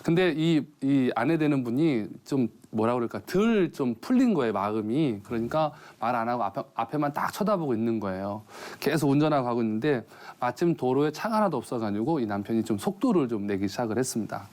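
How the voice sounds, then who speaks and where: A man's voice: medium pitch, expressive, brisk, few pauses, a little mellow. A man, a pastor on a TV program, preaching in a chatty storytelling way and asking listeners questions. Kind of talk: TV sermon with a joke story. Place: TV studio.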